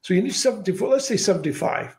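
A man's voice: high voice, animated, fast, a little mellow. A man, hosting an informal interview in a conversational style. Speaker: interview show host.

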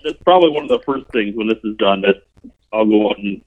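A man co-hosting a casual podcast from home over a cell phone, lively and chatty. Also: lowish voice, fast. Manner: lively and chatty, with many fillers. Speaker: podcast co-host. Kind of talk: casual chat. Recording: gravelly phone-line sound.

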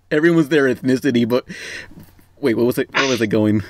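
A man's voice: mid-range voice, fairly quick, no room sound. A man co-hosting a podcast, chatting casually and jokingly about movies. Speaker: podcast co-host. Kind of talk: casual comic movie chat.

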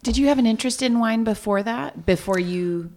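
A woman's voice: a little high, a little fast, darkish tone, a little hiss or hum. A woman hosting a podcast from her home, chatting casually and asking upbeat follow-up questions. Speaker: podcast host. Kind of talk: casual interview chat.

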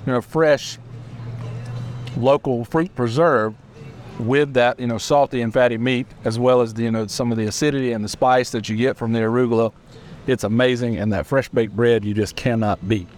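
A man who is a chiropractor guest chatting on an outdoor bakery patio, describing food with relaxed enthusiasm. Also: medium pitch, normal speed, slight background noise. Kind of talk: casual chat.

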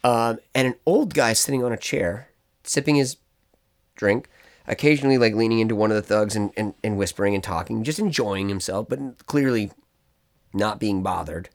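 A man's voice: fairly low pitch, normal speed. A man casually telling a long story on a podcast, rambling and cutting himself off with asides. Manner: rambling, self-interrupting, animated storytelling. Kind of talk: casual chat.

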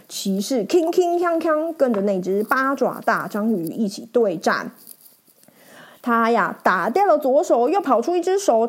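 A woman storyteller reading a picture book aloud in an animated, expressive way. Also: fairly high pitch.

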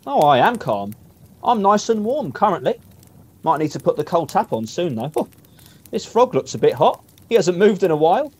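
A man's voice: sits high, big pitch swings, moderate pace, a little mellow, breathy edge, exaggerated voice. An actor playing a dotty, always-hungry male explorer who stays cheerfully oblivious to danger. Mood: placid. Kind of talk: comedy audio drama.

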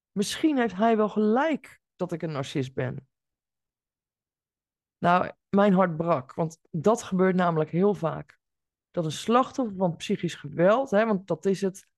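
A woman hosting her own podcast, telling a client's story in an expressive monologue spoken straight to the listener. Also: medium pitch, no room sound, clean studio sound. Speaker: podcast host and coach.

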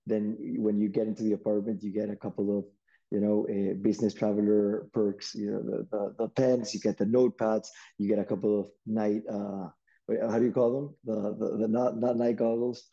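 Speaking briskly, a young Peruvian man who runs a startup fields interview questions casually, often restarting and using fillers. The sound is lo-fi and his pitch is on the low side.

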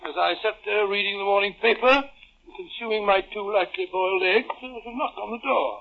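Doctor Watson, genial and fussy. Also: male voice, high voice, brisk, gravelly. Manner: fussy, genial, easily flustered. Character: genial, excitable older male doctor narrator. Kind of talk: 1940s radio acting. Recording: dull old radio broadcast.

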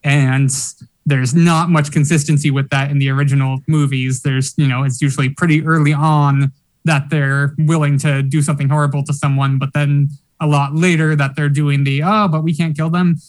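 Enthusiastic man with a fairly high voice. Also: level tone, moderate pace. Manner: enthusiastic, detailed analysis. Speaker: podcast co-host. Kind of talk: casual film discussion.

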